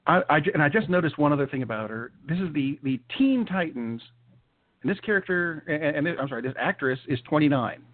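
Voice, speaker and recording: A man's voice: fairly high pitch, expressive, fairly quick. Hesitant man on a tinny line. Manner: hesitant, many restarts and fillers. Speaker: podcast co-host. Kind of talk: casual chat. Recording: tinny phone-like sound.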